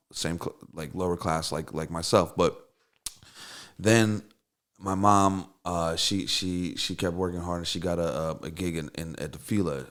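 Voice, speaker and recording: A middle-aged Russian man, a native Russian speaker, appears as a songwriter and producer guest in an interview. His voice is low with a fairly bright tone. He tells stories casually and rambles, with plenty of fillers and restarts.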